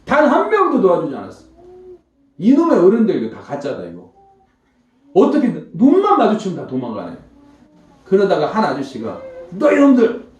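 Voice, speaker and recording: A comedian giving an emotional testimony in church, telling his story in an animated way and acting out the voices of the people in it. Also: high-pitched, moderate pace, pauses often, far from the mic, highs cut off. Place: church hall before a congregation. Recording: echoey church hall, mic from afar.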